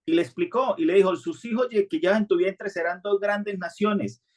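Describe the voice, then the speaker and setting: A man's voice: sits high, moderate pace. A male pastor, preaching a sermon in an earnest, conversational way with frequent restarts.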